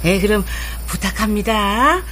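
An actress playing a slow, pleading middle-aged mother. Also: medium pitch, lively intonation, noisy background, natural voice. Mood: polite. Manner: pleading, soft, sighing. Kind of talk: TV drama acting.

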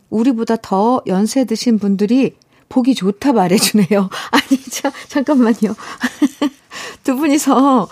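A woman's voice: mid-range voice, mellow, no echo, studio quality. A middle-aged woman hosting a radio show, reading listener letters aloud with chatty, teasing asides and frequent laughter. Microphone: studio microphone.

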